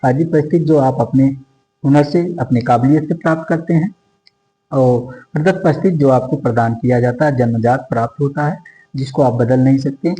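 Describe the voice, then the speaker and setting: A man's voice: mid-range voice, fairly quick, mellow, poor audio. A man tutoring sociology for competitive exams, going through multiple-choice questions one option at a time and repeating numbers for his students. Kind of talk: exam-prep lecture.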